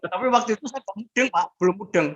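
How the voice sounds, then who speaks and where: A man in his sixties giving a casual personal testimony as an interviewee, speaking haltingly with fillers and restarts. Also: high-pitched, fairly bright tone, muffled recording. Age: 60s. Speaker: interviewee sharing a health testimony.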